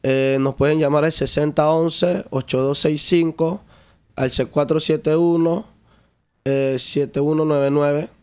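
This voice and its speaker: A man's voice: fairly high pitch, fairly even intonation, slow, darkish tone, smooth. A young man from Panama with a Panamanian Spanish accent, a father being interviewed, speaking earnestly and with hesitant restarts. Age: young adult. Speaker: father seeking help.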